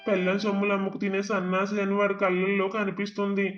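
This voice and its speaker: A man's voice: high-pitched, completely flat delivery, fast talker, a bit bright, lo-fi sound, soft background music. A man voicing a humble, desperate young husband in a cartoon, polite and pleading. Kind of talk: animated cartoon voice acting.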